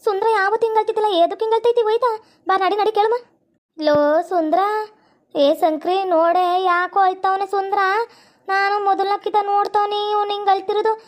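Woman doing a fussy old village granny, very high voice, rapid talk. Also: steady tone. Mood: worried. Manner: fond scolding, soothing repetition. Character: old village grandmother, fussing and consoling.

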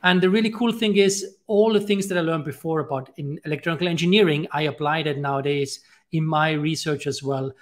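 A man in his forties from Austria with an Austrian German accent, telling his career story on an online panel over a video call, steady and friendly with frequent ums. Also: a little high, brisk. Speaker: robotics professor, panelist. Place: home room with bookshelves. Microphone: video call with earphones.

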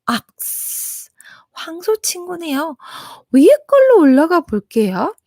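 A high, swooping woman's voice teaching phonics to young children, stretching each sound slowly and cheering them on. The recording is close and dry, with no room sound. She speaks unhurriedly and sounds out every letter in an exaggerated way. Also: sing-song, dry recording. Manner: sing-song, encouraging, exaggerated sounding-out.

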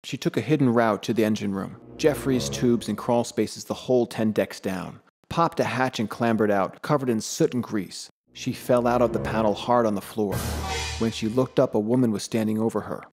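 A man's voice: lowish voice, normal speed, over music. Man narrating a sci-fi horror audiobook.

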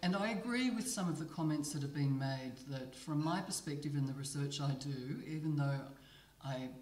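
A middle-aged woman from Australia, speaking as a migration researcher on a panel, measured and thoughtful with many pauses. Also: deep voice, darkish tone. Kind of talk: panel talk at a book presentation. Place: gallery room, panel at a table. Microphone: table mic on a stand. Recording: roomy gallery echo.

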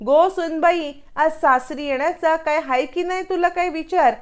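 A woman reading out the lines of a bossy, sharp-tongued mother-in-law who scolds in rustic speech. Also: very high voice, normal speed, voice pushed up. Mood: scolding.

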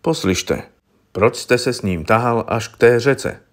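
A man reading aloud, voicing a shrewd older police inspector who speaks calmly with dry irony. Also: mid-range voice, lightly acted. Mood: probing.

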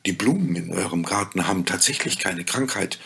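Ein Mann spricht in einer Märchenlesung eine gütige Fee, leise, langsam und sanft. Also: male voice, deep voice, lively intonation, vocal fry, husky, heavily acted. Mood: gentle. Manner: soft, slow and quiet. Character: gentle kind fairy woman, calm and wise.

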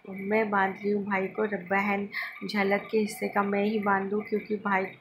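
A woman's voice: mid-range voice, completely flat delivery, normal speed, noisy background. A woman casually narrating her home vlog to viewers, chatty and pointing things out as she films on a phone. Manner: chatty, keeps telling viewers to look. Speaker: vlogger.

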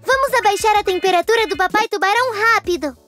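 A very high, childlike cartoon nurse fish. The little helper is caring and cheerful, exclaiming and encouraging young viewers over light music. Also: female voice, animated, quick pace, a bit bright. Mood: urgent, eager.

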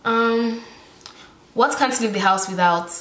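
In an indoor bedroom, a twenty-something YouTuber with a Nigerian accent talks to camera for a casual Q&A vlog. Her pitch is fairly high and her pace slow, the sound roomy, and she's chatty and expressive, often saying "like".

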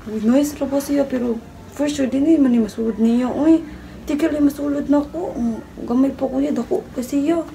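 A woman's voice: high-pitched, moderate pace, gravelly. A young woman doing a chatty, teasing comic parody of a live-selling stream. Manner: chatty, teasing, addresses viewers as guys. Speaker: comedy vlogger. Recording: loud background noise.

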